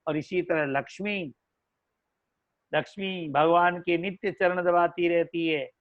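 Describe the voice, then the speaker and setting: A man with a Hindi accent delivers an unhurried devotional discourse, drawing out his words and slipping into chanted, melodic verses. His voice sits high for a man. The recording is dull and lo-fi. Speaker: religious storyteller.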